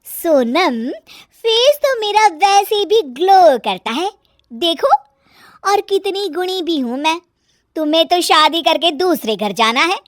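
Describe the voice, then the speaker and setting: Woman doing a shrill bossy young wife. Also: expressive, slow, dry recording, studio quality, heavily acted. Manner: shrill, scolding. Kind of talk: cartoon story voice acting.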